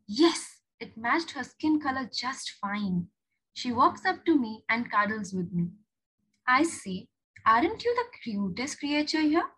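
Husky-voiced woman reading a story. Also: a little high, fairly bright tone, poor audio. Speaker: story narrator. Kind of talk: reading a short story aloud.

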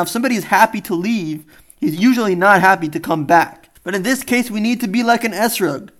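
High-voiced earnest man teaching. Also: fairly bright tone. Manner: earnest, storytelling with acted quotes. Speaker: rabbi teacher. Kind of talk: spoken Torah lesson with storytelling.

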